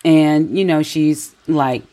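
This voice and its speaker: A podcast co-host in a casual book discussion, retelling the story in an animated way with many fillers and frequent laughter. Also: mid-range voice, slow. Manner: laughs often while retelling.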